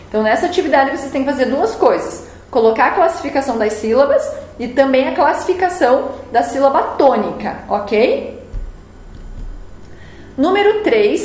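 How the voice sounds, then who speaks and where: A woman's voice: sits high, echoey room. A woman from Brazil teaching a remote class, patiently explaining each exercise step by step.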